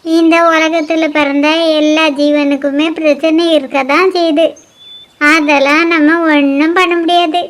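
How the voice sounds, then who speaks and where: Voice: high voice, flat delivery, unhurried, fairly bright tone. Someone voicing a bossy nosy village granny. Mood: scolding. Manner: scolding, prying, lecturing. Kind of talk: cartoon voice acting.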